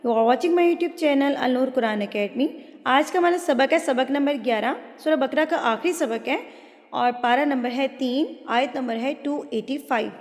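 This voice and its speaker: A woman's voice: high-pitched, in a large hall. A woman teaching Quran recitation. She explains pronunciation patiently, step by step, and mixes English words into her talk. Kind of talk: tajweed lesson, explaining pronunciation.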